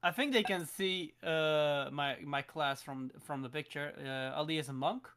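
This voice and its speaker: A man's voice: fairly high pitch, unhurried, a loud crowd. A man playing in a tabletop game, describing his character hesitantly, stopping and restarting often. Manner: hesitant, full of fillers and restarts. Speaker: player. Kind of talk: casual tabletop game chat.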